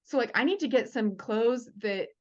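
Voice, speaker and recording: Lively woman guest on a dull, lo-fi line. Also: a little high, normal speed. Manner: lively, acts out quoted voices. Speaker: guest, military spouse advocate. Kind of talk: casual interview storytelling.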